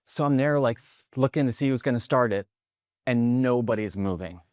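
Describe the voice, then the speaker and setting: A man in his thirties from the New York area gives a motivational keynote with an energetic storytelling drive. His voice sits at a medium pitch and climbs high and loud when he gets excited. The sound is dry and close, with little room echo. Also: normal speed. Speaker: keynote speaker. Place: large conference hall.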